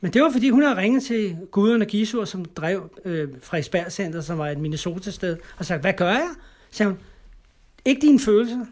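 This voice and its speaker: A middle-aged Danish man, guest in an interview, whose voice sits high. He shares his personal story conversationally, with halting delivery, repeated words and tag questions at the ends of lines.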